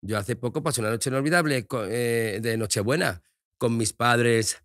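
A man's voice: mid-range voice, moderate pace, a bit bright, no echo, studio quality. A middle-aged man, a guest in a casual interview chat, talking frankly and expressively and swearing freely.

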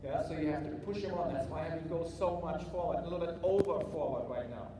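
This middle-aged riding clinic instructor talks fast in a voice on the high side, giving a rider short encouraging instructions and patient explanations in real time. The setting is a large indoor riding arena. A spectator's camera picks him up from afar, leaving an echoey sound with heavy background noise.

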